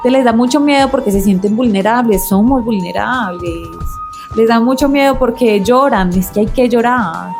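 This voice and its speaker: A woman's voice: a little high, moderate pace, music in the background. A woman who is a psychologist, explaining her ideas and giving advice as a guest in a conversation. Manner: warm, explanatory, gives advice. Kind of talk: reflective conversation.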